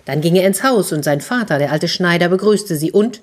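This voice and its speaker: A woman telling a fairy tale to children in a lively, expressive way. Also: lowish voice, fairly quick. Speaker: storyteller.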